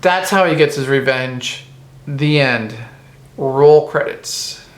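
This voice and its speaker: A man's voice: on the high side, slow. A man giving an angry, profane comedic movie review. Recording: roomy echo.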